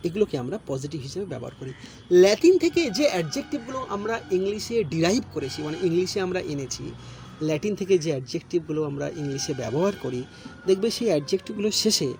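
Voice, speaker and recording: A male teacher walks students through grammar rules, his voice rising and falling with lively emphasis. He repeats each point patiently and speaks into a close mic. A faint hiss of noise sits underneath. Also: high-pitched. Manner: patient, repeats and explains each rule slowly. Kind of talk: recorded online lesson.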